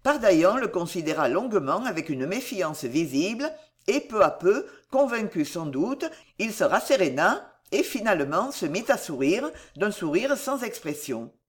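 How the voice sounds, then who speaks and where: An audiobook narrator telling an adventure novel with dramatic flair. The pitch sits in the middle but rises and falls a lot. The reading is expressive throughout. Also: normal speed.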